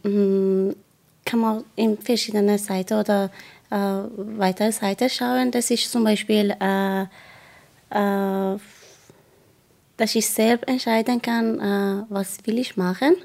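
Creaky-voiced teen girl from Afghanistan. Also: mid-range voice, fairly even intonation, slow pace, a little mellow. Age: teens. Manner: hesitant, many fillers. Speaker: guest. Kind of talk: youth radio discussion.

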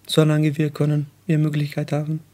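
A nineteen-year-old man from Afghanistan, a radio guest, speaking slowly and searching for words with many fillers. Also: a little high, completely flat delivery, mellow. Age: young adult. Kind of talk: radio interview.

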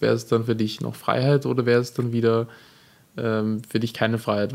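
A man's voice: lowish voice, a little mellow. A teenage boy hosting a youth radio discussion, hesitant with many fillers. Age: teens. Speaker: host.

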